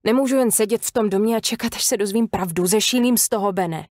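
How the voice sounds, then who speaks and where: A woman's voice: mid-range voice, darkish tone, no room sound, lightly acted. A young woman holding back grief, voiced by a woman reading an audiobook. Her replies come clipped and strained. The sound is close and dry.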